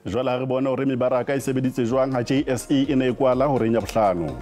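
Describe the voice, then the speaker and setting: Casting: male broadcast news presenter, Sotho accent from South Africa, quick delivery, mellow timbre. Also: mid-range voice, soft background music. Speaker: news anchor.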